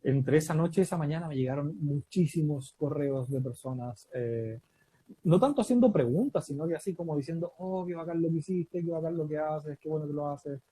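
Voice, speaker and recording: A Chilean man in his thirties tells a story casually and with animation, slipping into the voices of the people in it and laughing along the way. His voice sits a little high for a man, with a mellow, soft tone and a husky edge. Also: fairly quick, dry recording, low-quality recording. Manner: animated, laughing often, acting out quoted dialogue. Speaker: guest storyteller. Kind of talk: casual anecdote telling.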